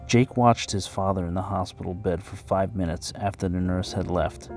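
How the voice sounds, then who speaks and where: A man narrating a story in a steady, even reading voice, over faint background music. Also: deep voice, normal speed.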